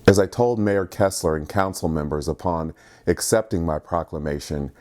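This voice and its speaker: A man from Columbus, Ohio, a journalist, narrating a scripted personal story in a measured, reflective way. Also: deep voice, darkish tone. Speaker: journalist and filmmaker.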